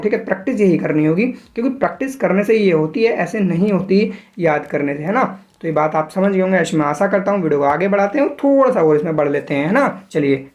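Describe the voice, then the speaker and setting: A man gives a patient spoken lesson on shorthand, walking through each step. He keeps checking in with his listeners. He also slows down to sound out words one by one as he demonstrates them. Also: sits high. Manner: explains step by step, checking in often. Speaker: shorthand teacher.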